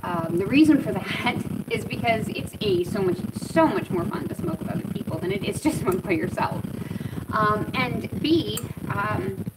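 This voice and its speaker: A woman's voice: mid-range voice, animated, normal speed. Casting: American female vlogger, 30s, candid and meandering, recorded from afar outdoors over heavy ambient noise. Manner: rambling, candid, trailing off. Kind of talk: casual personal vlog talk. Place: outdoor covered patio with dogs. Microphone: camera a few meters away. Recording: distant mic, loud outdoor ambient noise.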